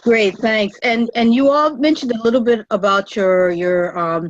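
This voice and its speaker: A woman hosting a podcast, asking her guests questions in a quick, animated way. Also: a little high, no room sound, dull audio. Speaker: podcast host. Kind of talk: interview questions.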